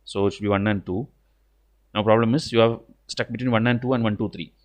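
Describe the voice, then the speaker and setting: A man's voice: fairly low pitch, steady tone, fast. A man with an Indian accent teaching exam questions in an informal lecture, blunt and stern, often punctuating with "okay". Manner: repeats "okay" as a verbal tic.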